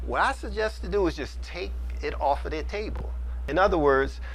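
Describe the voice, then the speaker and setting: A man's voice: a little high, expressive, normal speed, slight background noise. A middle-aged man answering an audience question in a mosque hall, earnest and advising, often repeating phrases for emphasis. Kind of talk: community Q&A talk.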